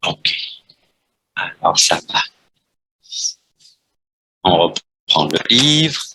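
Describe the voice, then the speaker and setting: A man with as his teaches a French class, going slowly and repeating himself, dropping "hein" between phrases. His voice is bright and husky, and the sound is dry and close. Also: sits low, big pitch swings, dry recording, rough recording. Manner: slow, repetitive teacher talk with frequent "hein"; switches between French and Vietnamese to explain.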